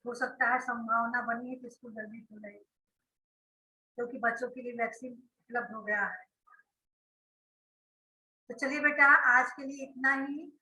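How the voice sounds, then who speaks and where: A woman's voice: fairly high pitch, fairly even intonation, a little slow, pauses often, pushed and bright, reverberant, rough recording. A woman schoolteacher giving an online grammar class, explaining step by step and often checking that her students follow. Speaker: school teacher.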